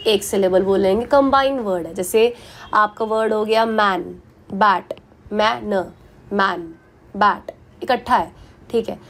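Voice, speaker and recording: A woman teaching English grammar for exams, explaining patiently in a mix of Hindi and English and repeating the example words slowly. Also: mid-range voice.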